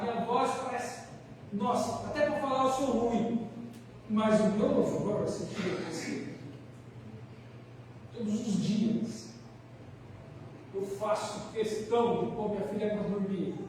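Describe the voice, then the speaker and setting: A Brazilian man preaching a sermon, telling a personal story in an earnest, animated way with changing volume. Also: high-pitched, slow, pauses often. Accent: Brazilian Portuguese. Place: church hall. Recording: echoey church hall, mic far off, faint noise.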